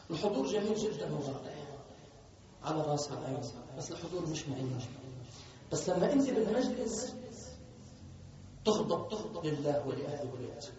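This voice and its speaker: A male preacher with a Lebanese accent talks to a gathering in an easy, conversational way, now and then breaking into loud chanted verse. He is heard from a distance in a very echoey hall, and the recording sounds dull and muffled. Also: a little high. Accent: Lebanese Arabic. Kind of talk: religious sermon with chanted poetry.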